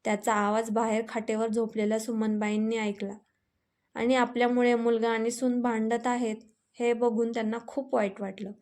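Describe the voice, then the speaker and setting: A woman narrates a story in a steady, matter-of-fact way. Her voice sits fairly high and keeps a flat, even tone throughout. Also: normal speed.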